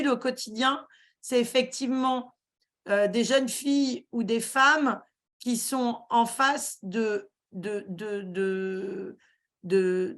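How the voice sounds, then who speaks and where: A woman giving a talk on a webinar, halting often with fillers and restarts. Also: on the high side, fairly bright tone. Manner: hesitant, many fillers and restarts. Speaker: guest speaker.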